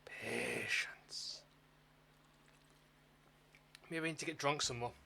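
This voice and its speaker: A man's voice: a little high, very fast, sharp tone. A man hosting a casual game livestream, chatting with viewers in an exclamatory way. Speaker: livestream gamer and host. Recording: clearly noisy livestream microphone. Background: game sounds and background noise.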